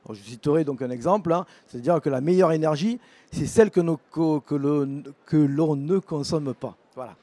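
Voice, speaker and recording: A man's voice: a little high, normal speed, dark tone, no echo. A middle-aged man with a southern French accent giving a conference talk about a vocational program, hesitant and full of filler words and restarts. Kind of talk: conference talk at an education fair.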